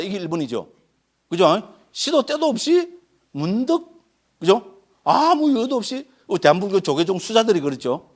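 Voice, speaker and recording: A middle-aged male monk with a Gyeongsang accent teaches scripture in a voice that climbs and drops with great animation. He sits a little above the usual male pitch. He peppers his talk with rhetorical questions and sudden, punchy exclamations. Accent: Gyeongsang Korean. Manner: lively, keeps asking rhetorical questions. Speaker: Buddhist monk lecturer. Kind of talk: sutra lecture.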